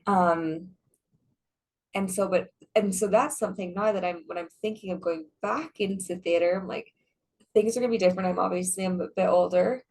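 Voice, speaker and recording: A young adult actress chatting casually in an interview, rambling with many restarts and frequent laughs. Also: female voice, on the low side, fairly even intonation, moderate pace, darkish tone. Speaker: guest, stage actress.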